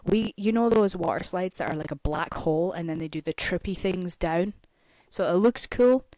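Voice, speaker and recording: A young woman casually telling a story on a podcast, animated and swearing freely, often checking in with "okay?". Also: on the low side, normal speed, no echo. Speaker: podcast host.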